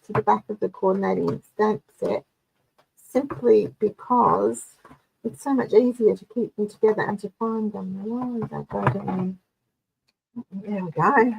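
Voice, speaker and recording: A woman's voice: medium pitch, vocal fry, darkish tone, breathy edge, rough recording. A woman running a live card-making tutorial, chatting through each step for her viewers. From Australia.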